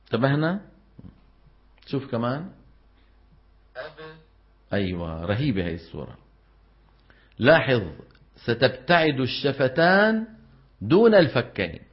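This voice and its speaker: A man's voice: medium pitch, very animated, a little slow, pauses often. Male recitation teacher, lecturing a class with frequent questions to students; slightly muffled recording. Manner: explains step by step, keeps asking the class questions. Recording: dull lo-fi recording.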